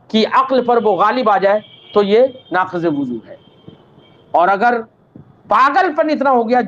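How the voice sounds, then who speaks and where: A man's voice: very high voice, a bit bright. A man teaching an Islamic law lesson. He recites Arabic text, then explains it patiently, calls the students "child" and checks that they understood. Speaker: religious teacher. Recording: dull lo-fi recording.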